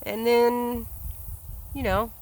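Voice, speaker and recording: A man's voice: extremely high pitch, level tone, drawn-out words, rough recording. A man hosting a solo podcast, speaking in an earnest, reflective way and often repeating words as he thinks aloud. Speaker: podcast host. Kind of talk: solo commentary monologue.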